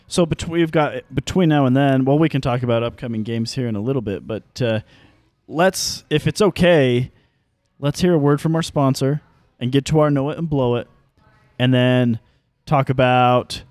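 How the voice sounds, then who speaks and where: A man's voice: mid-range voice, darkish tone, dry recording. Joking male sports podcast host. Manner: loose, joking, trips over words. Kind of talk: casual sports podcast chat.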